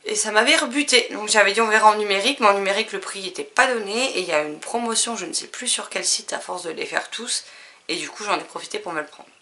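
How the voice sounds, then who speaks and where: A woman casually listing her new books, chatty and relaxed, with frequent fillers. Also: mid-range voice, quick pace. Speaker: book vlogger. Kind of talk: casual book haul chat.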